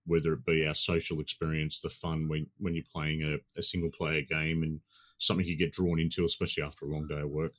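A man's voice: very deep voice, level tone, fast talker. A middle-aged Australian man chatting casually as a podcast guest in a laid-back, blokey, matey way. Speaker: podcast guest and gaming podcast host. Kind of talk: casual chat.

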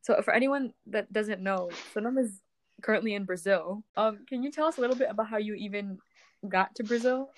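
A woman's voice: mid-range voice, fairly quick, a little hiss or hum, rough recording. A woman hosting a casual podcast interview, asking friendly, chatty questions. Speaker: podcast host.

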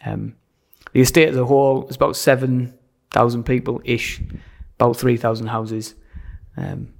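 Male interview guest, North East English with mild Sunderland accent, creaky voice, informal and explanatory. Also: mid-range voice. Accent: North East English, softened Sunderland. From Sunderland, North East England. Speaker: pastor, podcast guest. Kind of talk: casual interview conversation.

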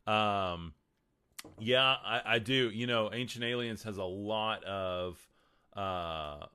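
A man's voice: low voice, pushed and bright, clean tone, no room sound, clean studio sound. A man with a twangy West Texas accent, talking casually as a livestream host and answering viewers.

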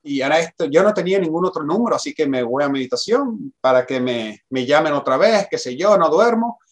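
A man telling a personal anecdote in conversation, animated, acting out quoted dialogue and often restarting his sentences. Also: a little high, fast talker. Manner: animated storyteller who acts out quoted dialogue, frequent restarts.

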